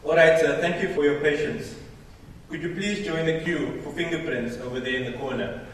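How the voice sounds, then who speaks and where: A man in a staged performance, speaking in a slow, polite official tone. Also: fairly high pitch, a little hiss or hum. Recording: roomy hall from far off.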